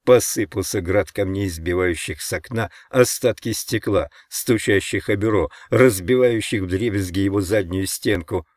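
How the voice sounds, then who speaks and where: A man narrating an audiobook in a measured, dramatic reading. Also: sits low, darkish tone, no echo, studio quality. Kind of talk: scripted narration.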